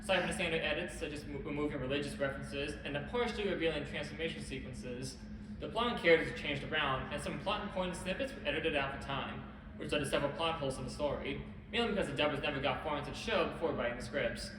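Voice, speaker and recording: A man with a slightly high voice speeds through a convention panel talk, brisk and wry. He is picked up from a distance in a large echoey room with a steady hum behind him. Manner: brisk, wry, occasional self-corrections. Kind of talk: presenting a history talk. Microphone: camera at a distance. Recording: echoey hall, distant camera, background hum.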